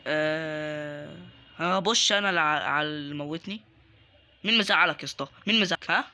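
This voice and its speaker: A young man with an Egyptian Arabic accent commentating his game, excitable and joking as he taunts other players. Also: on the high side, fairly quick. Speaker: gaming YouTuber. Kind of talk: live Roblox gameplay commentary.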